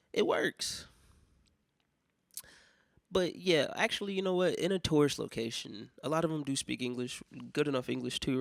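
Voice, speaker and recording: A young American man talks through a loose, profane solo monologue, his voice gravelly and rough at the bottom. He is getting over a cold and breaks into loud, mocking outbursts as he tells his stories. The sound is close and dry, with no room behind it. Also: medium pitch, no room sound. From United States. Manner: profane, rambling, animated storytelling with loud mock outbursts. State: sick with a cough and congestion. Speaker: podcast host.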